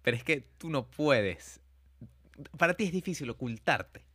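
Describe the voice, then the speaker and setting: A man with a Venezuelan Spanish accent, co-hosting a casual film-review podcast in a relaxed, teasing way. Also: mid-range voice, moderate pace, husky, no echo, studio quality. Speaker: podcast co-host.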